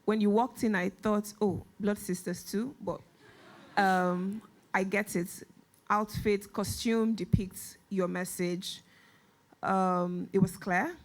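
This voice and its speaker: A woman judge giving short, measured live feedback to a contestant. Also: mid-range voice, fairly even intonation. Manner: measured, brief phrases. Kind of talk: live talent show feedback.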